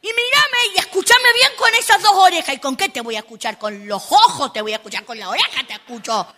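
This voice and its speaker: A woman's voice: extremely high pitch, lively intonation, brisk, pushed and bright, heavily acted. A woman doing a sassy little girl comic. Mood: indignant. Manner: indignant, sassy, rhetorical asides. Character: cheeky, indignant little girl. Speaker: stand-up comic in character. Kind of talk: comic monologue.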